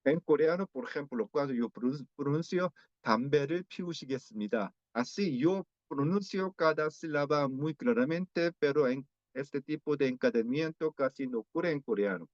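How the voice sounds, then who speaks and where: A man's voice: on the high side, moderate pace, few pauses, darkish tone, dry recording, highs cut off. A man with a Korean accent, a native Korean speaker giving a careful academic lecture on pronunciation, with restarts and repeated examples.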